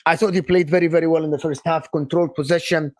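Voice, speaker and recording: A young adult man from Egypt co-hosting a casual football live stream, emphatic and animated, often repeating and restarting his phrases. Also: on the high side, quick pace. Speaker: football channel co-host.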